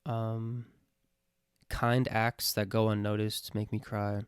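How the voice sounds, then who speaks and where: A man's voice: lowish voice, little pitch movement, slow pace, clean tone, no echo, studio quality. A man musing aloud in a casual, sincere monologue, hesitant and full of fillers, swearing now and then. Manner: rambling, hesitant, many fillers and restarts. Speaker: vlogger answering his own question list.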